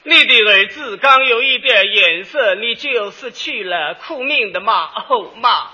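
A man parodying a melodramatic male stage actor who sobs for his mother in a stilted, drawn-out stage voice. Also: extremely high pitch, animated, sharp tone, breathy edge, heavily acted. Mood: mock grief. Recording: dull old recording with faint hiss.

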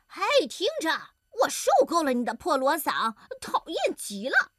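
A woman's voice: sits high, big pitch swings, moderate pace, dry recording, studio quality. A woman voicing a rude, chubby young bully who taunts in a children's storybook. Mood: taunting. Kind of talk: storybook voice acting.

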